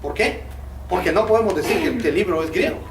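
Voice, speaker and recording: A man teaches a Bible study class in a high voice. He fills his speech with hesitations and keeps asking his listeners questions. He is recorded from a distance in a roomy space with a faint hiss behind him. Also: expressive, quick pace. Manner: many fillers and repeated rhetorical questions.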